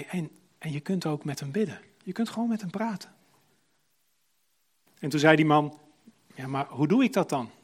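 A man preaching, retelling a story and acting out the people in it, swinging from hushed to emphatic. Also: a little high. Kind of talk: sermon storytelling.

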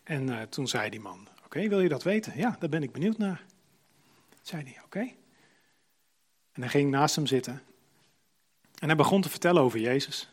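A man preaching, retelling a story and acting out the people in it, swinging from hushed to emphatic. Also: a little high, animated, brisk, pauses often, slightly rough. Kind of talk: sermon storytelling.

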